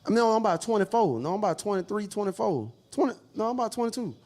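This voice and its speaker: A man's voice: sits high, expressive, racing, darkish tone. A man, chatting casually and laid-back with plenty of slang and swearing. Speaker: podcast panelist. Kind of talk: casual chat.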